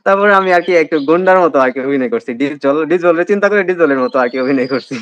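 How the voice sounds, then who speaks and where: In a casual interview, a young man recalls his admission test, speaking fast and animatedly in a fairly high voice with a Bangladeshi Bengali accent and many hesitant fillers. The audio is dull.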